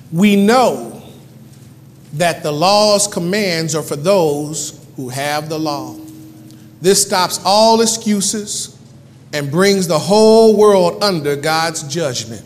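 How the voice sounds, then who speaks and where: High-voiced man preaching in a church. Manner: rhythmic preaching with repeated refrains. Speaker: pastor. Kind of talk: sermon. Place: church hall. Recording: church hall reverb, faint room noise.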